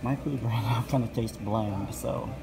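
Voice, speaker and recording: A middle-aged man casually vlogging his meal in a large restaurant, talking into a handheld phone camera with many relaxed fillers. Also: medium pitch, measured pace, creaky. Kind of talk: casual vlog narration. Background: loud music.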